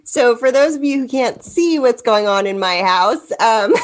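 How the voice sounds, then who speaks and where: A woman co-hosting a podcast, chatting in a playful, expressive way. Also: fairly high pitch, measured pace. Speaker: podcast co-host. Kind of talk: casual chat.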